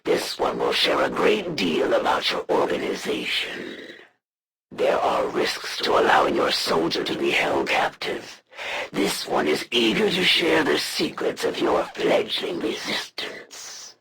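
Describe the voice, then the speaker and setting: An actor playing a proud, menacing alien assassin, a zealous game villain who speaks with haughty, formal deliberation in a gravelly voice. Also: low-pitched, wildly swooping pitch, unhurried, fairly bright tone, slight background noise, full character voice. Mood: cold, menacing. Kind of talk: theatrical video game villain voice lines.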